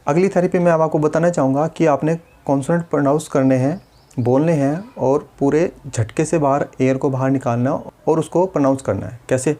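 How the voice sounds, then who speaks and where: A man, a speech therapist calmly explaining exercises step by step. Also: fairly high pitch, fairly quick. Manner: patient, step-by-step, demonstrates sounds. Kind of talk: instructional demonstration.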